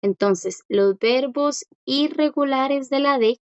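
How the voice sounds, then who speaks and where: A woman teaching a language lesson in a patient, repetitive way, often checking that her students follow. Her voice sits somewhat high. The sound is dry and a little dull. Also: slow, darkish tone, clean tone, no room sound. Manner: patient, repeats key points and checks understanding.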